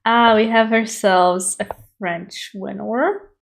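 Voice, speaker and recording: A woman's voice: medium pitch, steady tone, takes it slowly, creaky. A woman streamer going over viewers' chess games in a casual live analysis, easily amused and chatting between moves. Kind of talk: casual livestream game analysis.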